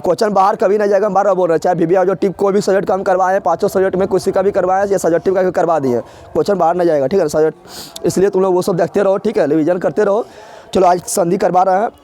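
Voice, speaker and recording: Man, high-pitched, exam-prep tutor, repetitive question-and-answer drilling. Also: steady tone, rapid-fire, warm tone. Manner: drilling, asks and answers his own questions. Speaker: teacher. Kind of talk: exam-prep grammar lesson.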